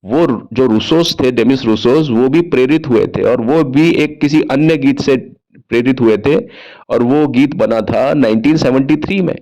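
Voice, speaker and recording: A male host tells a story in a relaxed, conversational way. His voice sits at an ordinary middle pitch. He keeps throwing in little questions and asides to the listener. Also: normal speed, rough recording. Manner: chatty, asks himself rhetorical questions; frequent asides asking listeners to agree. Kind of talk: storytelling film-music talk.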